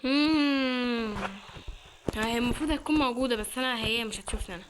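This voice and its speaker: A woman's voice: on the high side, a little fast, a little hiss or hum. A young woman with an Egyptian Arabic accent, chatting and thinking aloud as she plays a horror game, with startled exclamations. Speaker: gaming channel host. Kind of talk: let's-play commentary.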